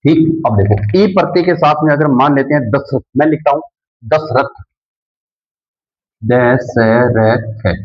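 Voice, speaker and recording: A man's voice: a little high, lively intonation, fairly quick, hardly any pauses, breathy edge. A male teacher giving a grammar lesson, who keeps asking questions and answering them himself, repeating the key words. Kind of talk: classroom-style grammar lesson. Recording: dull lo-fi recording.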